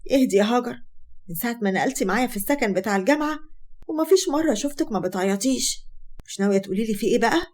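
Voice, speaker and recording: A caring young student with an Egyptian accent, voiced by a woman narrator in a spoken storybook tale. She speaks in a fairly high, quick voice and soothes and coaxes. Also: lively intonation, a little mellow. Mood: coaxing. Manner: soothing, coaxing. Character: young female university student, caring friend.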